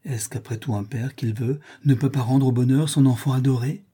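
A man's voice: mid-range voice, steady tone, moderate pace, dark tone, slightly rough, natural voice. A man reading an audiobook, voicing a loving prince and father who speaks with fervent tenderness. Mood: triumphant.

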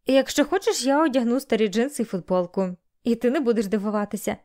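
A woman's voice: a little high, fast, a little mellow, lightly acted. A woman reading an embarrassed young woman. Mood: earnest. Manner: hesitant, earnest.

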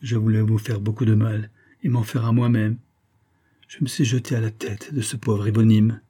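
A man voicing a heartbroken young woman in a read-aloud story, speaking softly and tremulously. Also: lowish voice, level tone, moderate pace, breathy edge. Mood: remorseful. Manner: soft, trembling, sighing.

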